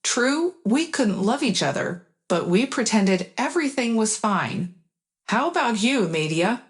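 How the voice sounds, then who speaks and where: Woman reading a young guy talking to his sister, plain even storybook voice. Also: a little high, a little slow. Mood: earnest. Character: young adult man speaking to his sister.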